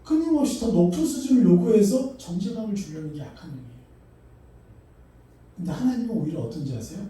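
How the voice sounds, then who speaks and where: A middle-aged man preaching a sermon as a pastor, animated, asking his congregation questions and acting out voices. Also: high voice. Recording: echoey hall, mic far off.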